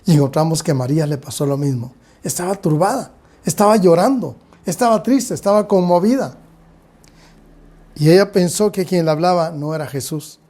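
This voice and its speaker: A Guatemalan man preaches a sermon in a fairly high voice. His tone is mellow and soft-edged. He keeps turning to address his congregation as brothers and sisters. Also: moderate pace. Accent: Guatemalan Spanish. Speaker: pastor.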